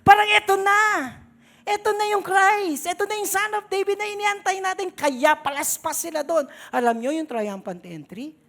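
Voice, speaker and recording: A woman's voice: very high-pitched, normal speed, fairly bright tone. A woman pastor with a Filipino accent preaching a sermon dramatically in a mix of Tagalog and English.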